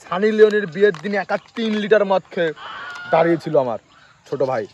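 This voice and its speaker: A man's voice: high voice, expressive, fast, lo-fi sound, background noise. A man playing a boastful drunk picnicker in a comedy sketch, with drunken, bragging talk.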